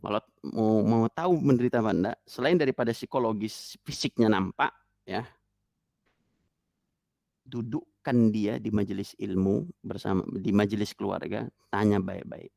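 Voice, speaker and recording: A man preaching to parents, animated, jumping high in pitch for emphasis. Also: moderate pace, gravelly, no echo, clean studio sound. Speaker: Islamic preacher. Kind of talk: sermon to parents. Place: lecture hall.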